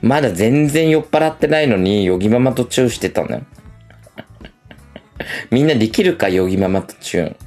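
A man's voice: mid-range voice, animated, moderate pace, pauses often, darkish tone. A middle-aged man chats on a casual livestream in a campy, effeminate manner. His voice swoops widely up and down as he rambles through crude stories between frequent laughs. Faint music plays in the background.

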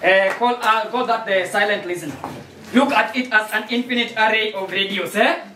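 A man's voice: high-pitched, normal speed, pushed and bright. A man playing a chatty American surveillance expert in an amateur stage play, talking hesitantly and tagging lines with "eh?". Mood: explaining. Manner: hesitant, tags sentences with "eh?". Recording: roomy, distant mic with faint noise.

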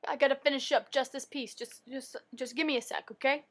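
A woman's voice: high voice, steady tone, brisk. A woman doing a distracted, stalling brother. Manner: mumbled, offhand and put off.

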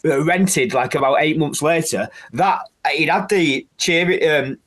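A man's voice: a little high, measured pace, a bit bright. A middle-aged man co-hosting a casual podcast, telling wrestling stories and laughing along as he goes. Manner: storytelling, laughs through his anecdotes. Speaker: podcast co-host. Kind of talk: casual chat.

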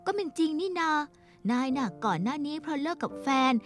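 A woman's voice: high-pitched, expressive, brisk, faint music behind. A woman dubbing a nosy friend who teases and pries, in a Thai TV drama dub. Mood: teasing. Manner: teasing, prying. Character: nosy teasing grocery-shop friend.

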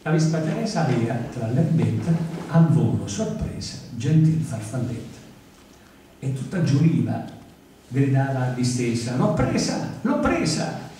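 An older man reading his poetry and chatting between poems at a panel table in a large lecture hall, with emphatic pauses and hesitant asides, recorded by a distant camera. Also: mid-range voice, big pitch swings, warm tone. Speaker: poet reading at a book event. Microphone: far camera. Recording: very echoey hall from far off, faint noise.

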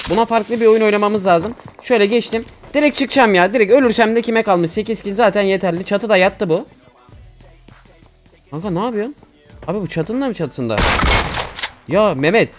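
A man giving casual, excitable gameplay commentary, chatting to viewers and teammates and swearing casually. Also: high-pitched, normal speed, pauses often, faint music behind. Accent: Turkish. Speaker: gaming YouTuber.

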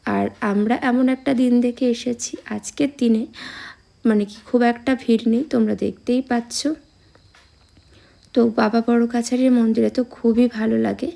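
Young woman with a cold-roughened gravelly voice, chatting away to her followers, fairly high-pitched. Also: fairly even intonation, normal speed, mellow. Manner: chatty, addresses viewers directly. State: hoarse from a cold. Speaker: vlogger. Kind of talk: casual vlog narration. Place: temple grounds outdoors.

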